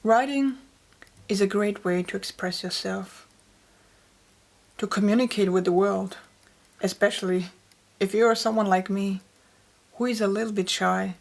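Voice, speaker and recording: A woman's voice: medium pitch, fairly even intonation, a little slow, vocal fry, long pauses. Woman, poet, reflective interview storytelling, mid voice, narrow melody. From Austria. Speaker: poet and author.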